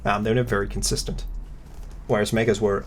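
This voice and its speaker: A man's voice: lowish voice, level tone, quick pace, a little hiss or hum. A man hosting a casual chat about competitive games, rambling with lots of fillers and wry asides. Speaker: podcast host.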